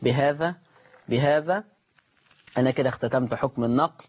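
Egyptian male recitation teacher, patient explainer, repeats each word slowly, dull lo-fi sound. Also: medium pitch, a little mellow. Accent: Egyptian Arabic. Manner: repeats words slowly, asks and answers own questions. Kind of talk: live recitation lesson with callers. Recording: muffled lo-fi broadcast audio.

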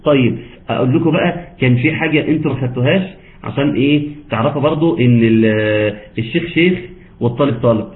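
Over tinny, phone-like call audio, a man with an Egyptian Arabic accent teaches Quran recitation in an online class. He speaks fast in a mid-range voice, asking students questions and patiently teasing them.

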